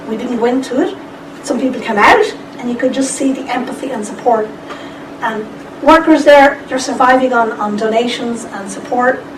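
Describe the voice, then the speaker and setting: Woman speaker, fairly high voice, chatty seminar talk, recorded from far off with noise behind. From Ireland. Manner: lively, chatty, with asides to the audience. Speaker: conference speaker. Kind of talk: presentation to a seminar audience. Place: lecture room. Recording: echoey room, distant mic, background noise.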